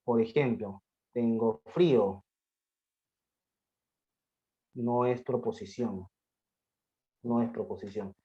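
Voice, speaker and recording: A male math teacher, giving a classroom lecture on logic, asking his students questions and answering them himself, and slowing down to dictate. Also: mid-range voice, mellow. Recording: dull lo-fi sound.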